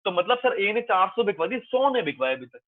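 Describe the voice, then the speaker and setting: A very animated, high-pitched commerce teacher lectures his class at a brisk clip. He coaxes and reassures the students, calls them "beta," and keeps repeating points, heard through a dry, tinny, phone-like recording.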